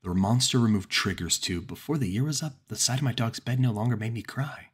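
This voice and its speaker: A man narrating a first-person horror story in a measured, dramatic way. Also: mid-range voice, breathy edge.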